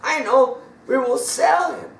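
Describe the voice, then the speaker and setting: A man's voice: very high-pitched, a little slow, gravelly, far from the mic, a little hiss or hum, voice pushed up, exaggerated voice. A man doing an anxious pleading brother. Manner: urgent, protesting. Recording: echoey room from afar.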